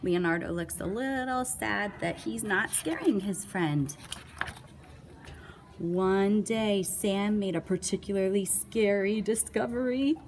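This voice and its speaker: A woman with a mid-range, darkish voice reads a children's picture book slowly, with playful, dramatic emphasis and little asides. Slight background noise can be heard behind this read-aloud storyteller.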